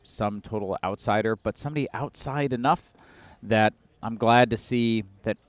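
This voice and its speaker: A man co-hosting a casual politics podcast, talking in an upbeat, clear and opinionated way. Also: lowish voice, moderate pace, dry recording. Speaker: podcast co-host.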